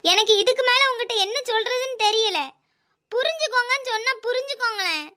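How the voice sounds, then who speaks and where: Tearful stubborn young cartoon bride, thoothukudi tamil accent, super high bright. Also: female voice, fast. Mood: tearful defiant. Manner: tearful, firm refusing.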